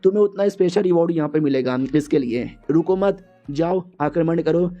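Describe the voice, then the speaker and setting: A man's voice: a little high, normal speed, warm tone, soft background music, lightly acted. A man voicing a confident, bossy young male martial arts hero in a casual, commanding tone. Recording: muffled lo-fi audio.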